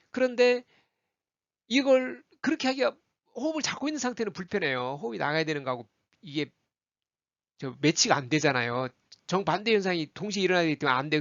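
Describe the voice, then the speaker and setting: Man, pronunciation teacher, repetitive drills, lively pitch, slightly dull sound. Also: vocal fry, no echo. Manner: animated, repeats example words many times for the listener to copy. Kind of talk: spoken English lesson with repeated drills.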